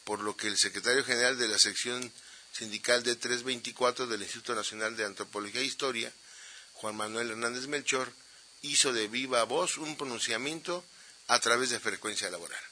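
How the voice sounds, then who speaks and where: A man co-hosting a radio news show, hesitant in chat and steady when he reads the segments. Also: mid-range voice, brisk, slight background noise, poor audio. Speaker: radio co-host.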